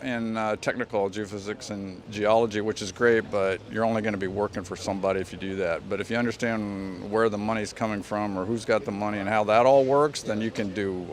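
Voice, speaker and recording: A man's voice: on the low side, steady tone, fairly quick, few pauses. A man in his sixties giving blunt, emphatic answers in a street interview. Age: 60s.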